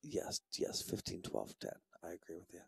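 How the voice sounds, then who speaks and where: A man giving soft-spoken, agreeable commentary on a pool match, often dropping close to a whisper. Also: low-pitched, wildly swooping pitch, normal speed, creaky, slightly rough, dry recording. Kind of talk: relaxed live play-by-play commentary.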